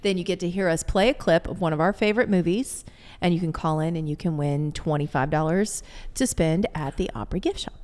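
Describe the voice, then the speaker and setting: A woman's voice: lowish voice, fairly quick, a little mellow. Chatty woman co-hosting morning radio. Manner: chatty, upbeat, reads out event details. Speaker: radio co-host. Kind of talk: casual morning radio chat. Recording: long echoey studio reverb.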